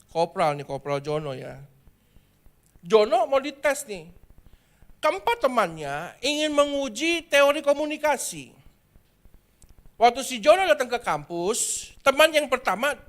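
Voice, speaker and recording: High-voiced male pastor telling a story. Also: expressive, a little slow, long pauses, fairly bright tone. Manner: playful storytelling with casual slang. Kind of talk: sermon.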